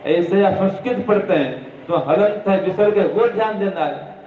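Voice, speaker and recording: Guy with a high voice lecturing kids on study habits, repeats himself a lot, sounds like a phone line. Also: normal speed, a little hiss or hum. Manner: didactic, repeats key points, asks and answers own questions. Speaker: religious teacher addressing students. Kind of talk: spoken moral instruction. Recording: echoey room over a tinny phone-like line.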